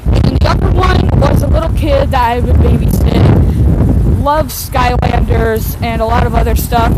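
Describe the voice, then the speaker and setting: A young woman rambling casually and hesitantly in a sweary outdoor vlog, with wind on the mic. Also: high-pitched. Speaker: vlogger. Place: outdoors on a residential street in wind and light rain. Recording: loud wind buffeting the microphone outdoors.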